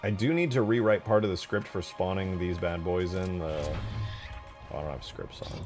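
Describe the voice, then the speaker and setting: This modder streams his work with music underneath, speaking in a deep voice at normal speed. His chat is easygoing, full of slang and profanity.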